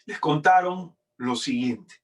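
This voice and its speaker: A man reading scripture aloud in a sermon, deliberate and dramatic, his loudness swinging up and down. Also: on the high side, distant mic. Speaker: preacher.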